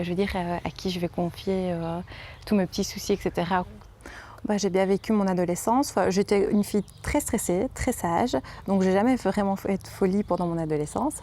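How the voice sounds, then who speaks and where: A woman's voice: medium pitch, darkish tone. Woman with a Liège Belgian accent. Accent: Belgian French, Liège. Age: 20s. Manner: hesitant, many fillers and restarts. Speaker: interviewee, home nurse. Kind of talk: casual personal storytelling. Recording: faint background noise.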